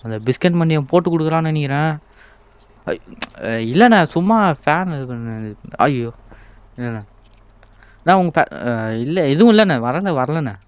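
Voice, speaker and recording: Speaking at a moderate pace with long pauses, this young man has a clear, resonant voice recorded without echo. He narrates a horror game in an animated, playful, exasperated way, voices the characters, and goes shrill with panic when scared.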